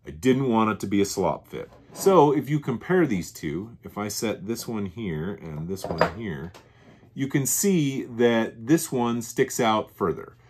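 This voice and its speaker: At his workshop bench, a man hosting his own channel walks through machined parts in a plain, methodical show-and-tell, often restating his points. His voice is fairly low and darkish, animated yet measured, with a little hiss or hum.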